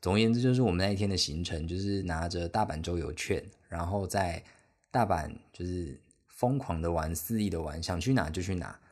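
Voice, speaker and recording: A young man from Taiwan speaks in a low, deep register with a Taiwanese Mandarin accent. He hosts his own podcast alone, wandering through a travel story and often losing his train of thought. He pokes fun at himself in a loose, chatty way. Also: a little fast. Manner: rambling, self-deprecating, chatty. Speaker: podcast host. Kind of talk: casual solo podcast storytelling.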